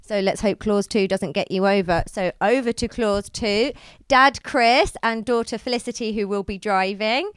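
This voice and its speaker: A woman's voice: mid-range voice, normal speed, clean tone, no room sound. A woman presenter introducing competitors and putting short questions to them. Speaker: pit reporter, presenter. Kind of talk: presenting and interviewing.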